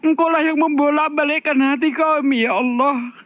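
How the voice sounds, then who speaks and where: Fervent male prayer leader, very high voice, tinny dry phone line. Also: fairly even intonation, normal speed, no room sound. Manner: repeats a refrain after every phrase. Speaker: co-host leading a prayer.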